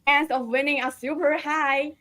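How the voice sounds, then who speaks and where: A woman's voice: high-pitched, fairly even intonation, normal speed, bright, forceful tone, a little hiss or hum, low-quality recording. A woman hosting a live product launch stream, promoting a deal and urging viewers to join a giveaway.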